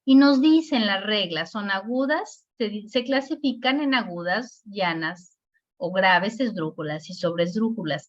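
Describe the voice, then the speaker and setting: A woman teacher with a medium-pitched voice explains grammar rules patiently. She slows down to break words into syllables and keeps checking that her listeners follow. The recording sounds dull and lo-fi. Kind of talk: online grammar lesson.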